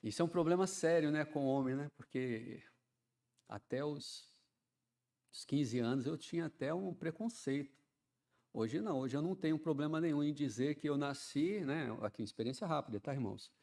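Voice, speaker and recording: A man, preaching a sermon in a chatty style that swells into loud, fervent emphasis. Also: on the high side, moderate pace. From Ceará, Brazil. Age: 50s. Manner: conversational preaching, often adds "né", builds to loud fervent emphasis.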